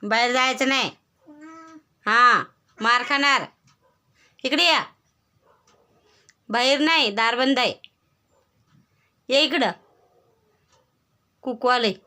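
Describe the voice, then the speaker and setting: High, bright woman coaxing a pet. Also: takes it slowly, pauses often. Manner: mock-stern, coaxing, repeats short commands. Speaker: vlogger. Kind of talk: casual scolding and coaxing of a pet.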